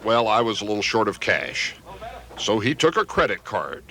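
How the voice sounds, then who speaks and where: A man's voice: fairly low pitch, big pitch swings, normal speed, sharp tone. An older man narrating a TV news feature in a wry, mock-sports commentary style. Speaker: TV news correspondent. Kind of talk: scripted narration. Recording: 1980s TV news voice-over.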